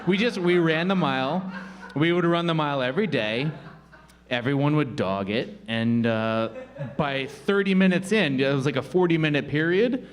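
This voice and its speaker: A man's voice: a little high, normal speed. Rambling, laughing man on stage. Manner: rambling, laughing, self-interrupting. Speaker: improv performer. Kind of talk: comedic storytelling on stage. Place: comedy venue stage.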